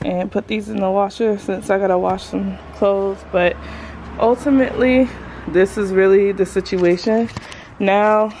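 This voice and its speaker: A woman's voice: mid-range voice, background noise. Chatty woman vlogging by her van. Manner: chatty, loose and rambling, with slangy asides. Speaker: mom vlogger. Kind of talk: casual vlog chat. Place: in and around a family van. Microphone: camera on a tripod.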